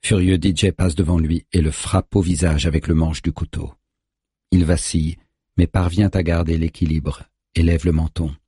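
A man reads a thriller audiobook in a steady, tense voice. His tone is very deep and rough, almost raspy, and it sounds close and dry with no room around it. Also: normal speed, no room sound. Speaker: audiobook narrator. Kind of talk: scripted thriller narration.

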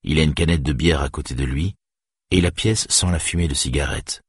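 Deep, husky male audiobook narrator. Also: brisk, no room sound, studio quality. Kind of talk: scripted narration.

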